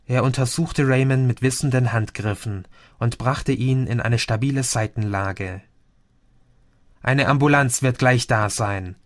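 A man reading an audiobook aloud in a steady, measured way. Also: mid-range voice, dry recording, studio quality. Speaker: audiobook reader. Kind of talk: scripted audiobook narration.

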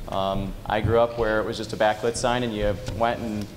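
A man's voice: lowish voice, little pitch movement, moderate pace, slight background noise. A man at a public meeting asking pointed, persistent questions about district spending. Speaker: community member asking questions.

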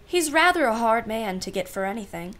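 A woman's voice: on the high side, sing-song, a little fast, fairly bright tone. A woman playing a genteel society aunt in a radio play, speaking with arch formality and dry irony. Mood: guarded, ironic. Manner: arch, formal, dryly ironic. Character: wry, genteel society aunt, privately exasperated.

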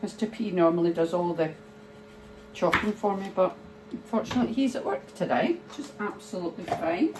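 A middle-aged woman, chatting slowly and thinking aloud as she preps food in her home kitchen. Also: on the low side, animated. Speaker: cooking vlogger. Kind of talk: casual cooking chat. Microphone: phone camera held nearby. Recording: noisy home kitchen ambience.

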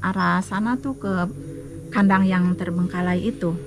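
A woman's voice: lowish voice, normal speed, soft background music. A woman earnestly telling a story in a casual interview outdoors. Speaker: local resident, interviewee.

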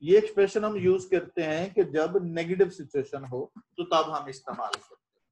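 A man's voice: on the high side, moderate pace, darkish tone. A middle-aged man from Pakistan giving an English lecture in Urdu, quizzing students and translating line by line. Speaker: English teacher.

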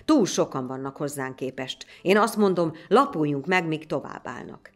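A cautious, level-headed male soldier, voiced by a woman telling a folk tale, sober and urging. The voice sits low and steady. Faint music plays behind.

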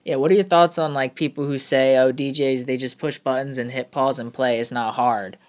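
Man, interviewer, casual, relaxed questions. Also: mid-range voice, fairly quick. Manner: relaxed, short affirmations.

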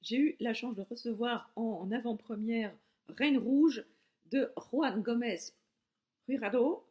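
A woman's voice: fairly high pitch, slow, dark tone. A woman from France giving a casual, enthusiastic book review straight to her viewers.

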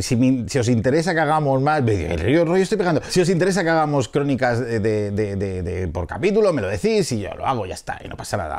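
A man's voice: medium pitch, a little mellow. A middle-aged man from Spain with a Peninsular Spanish accent, giving a casual, jokey video review as a film critic with rambling asides.

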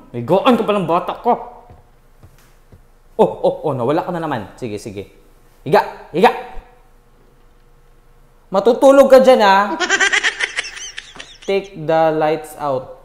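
Young male streamer, scared and scolding, lively jumpy pitch, echoey noisy room. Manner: jittery, scolds the game baby, laughs and yelps in fright. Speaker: gaming streamer. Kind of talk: nervous let's-play commentary. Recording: echoey room with noise behind.

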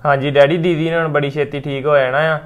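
A man's voice: a little high, flat delivery, fast, lightly acted. An actor playing a caring young brother who coaxes his sister to take her medicine. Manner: coaxing, caring.

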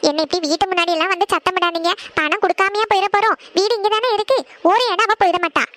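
A woman plays a firm cartoon village auntie. Her voice is high, and she talks quickly, scolding and bargaining in a no-nonsense way. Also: fairly even intonation, a bit bright, dry recording. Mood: negotiating. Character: concerned older village woman, a relative. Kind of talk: cartoon voice acting.

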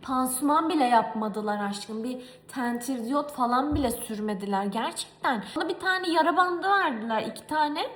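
A young woman from Turkey telling a story in a casual cooking vlog, animated and exasperated. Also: sits high, normal speed, hardly any pauses, reverberant. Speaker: vlogger. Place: home kitchen.

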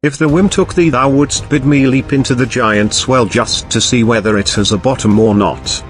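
A man's voice: medium pitch, moderate pace, faint music behind, lightly acted. A man reading a whining peasant coachman. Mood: pleading. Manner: whining, archaic speech. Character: surly, pleading male peasant coachman.

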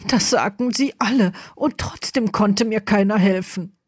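A woman's voice: medium pitch, unhurried, no echo, studio quality, natural voice. A woman voicing a distraught, tearful man who speaks in a panicked, pleading way.

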